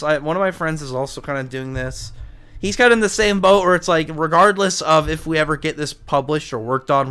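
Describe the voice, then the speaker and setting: His voice is mid-range, clean in tone and a little bright as he runs a livestream, reading comments and chatting casually with viewers. The conversation drifts through asides, and he repeats himself often.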